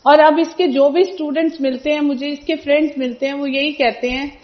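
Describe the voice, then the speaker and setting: High-voiced woman telling a testimony. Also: steady tone, fairly quick. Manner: earnest storytelling, acting out quoted people. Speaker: devotee giving a testimony. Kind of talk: personal testimony at a religious gathering. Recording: dull lo-fi recording.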